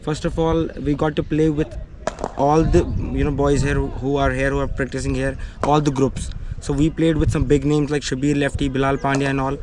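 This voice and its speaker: Young Kashmiri man, even-toned, noisy backdrop. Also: medium pitch, fairly quick. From Srinagar, Kashmir. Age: young adult. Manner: polite, frequent "you know". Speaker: junior cricketer being interviewed. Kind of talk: interview answers. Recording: clear background ambient noise.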